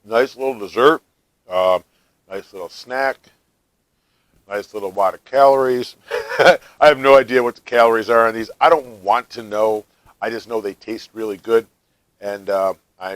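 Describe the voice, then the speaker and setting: A man from the United States casually chatting through a home cooking vlog, relaxed and talkative, often tasting food while he speaks. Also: lowish voice, normal speed, no room sound, rough recording. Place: home kitchen.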